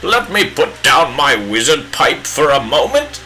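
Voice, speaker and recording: A man's voice: fairly high pitch, sing-song, music in the background, rough recording. A man playing a pompous bearded old wizard with a put-on British accent, hamming it up while he paints live. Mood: grandiose. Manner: hammy, drawn-out theatrical wizard speech.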